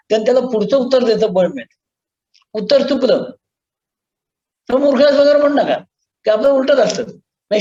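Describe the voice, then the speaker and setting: A man with a Marathi accent lectures teachers in a high, earnest voice, explaining each point patiently and acting out little classroom scenes. The sound is dull and lo-fi, and it carries the echo of a roomy hall. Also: a little mellow. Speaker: teacher trainer. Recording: echoey room, dull lo-fi sound.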